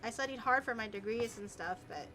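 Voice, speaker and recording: A woman with a high-pitched voice hosts a casual live stream while cooking. She talks playfully to her viewers, teasing them and swearing lightly. The recording has noticeable noise, with clicks and chopping behind her. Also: fairly quick.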